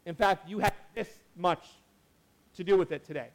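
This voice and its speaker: A young adult man, a pastor, giving a casual sermon in a chatty, animated way with many asides and restarts. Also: sits high, normal speed.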